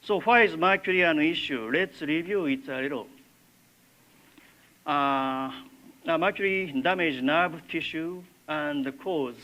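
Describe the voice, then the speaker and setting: An older man with a Japanese accent gives a university lecture in halting English, with many filler pauses. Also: on the high side, bright, forceful tone, rough recording. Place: lecture classroom.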